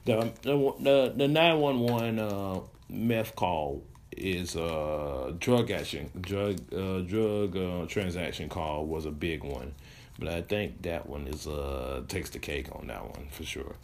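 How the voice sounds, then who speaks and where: Rambling, chuckling man with a low voice. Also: slow pace, a little mellow, slight background noise. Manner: rambling, many restarts and fillers, chuckling. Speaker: podcast host telling stories. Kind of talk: casual storytelling monologue.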